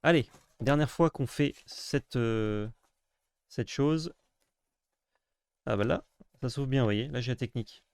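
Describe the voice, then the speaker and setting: A man streaming a card pack opening in casual commentary, sarcastic and self-mocking with crude jokes, now and then breaking into sudden excited yelps. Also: medium pitch, a little slow, creaky, pauses often, clear, resonant tone, dry recording.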